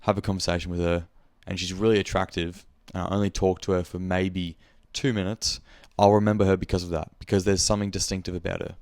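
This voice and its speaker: Deep-voiced young Australian man, frank. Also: flat delivery, quick pace, hardly any pauses, a little mellow, no echo, clean studio sound. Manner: rambling, frank, swears freely. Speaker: podcast host. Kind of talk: casual reflective monologue.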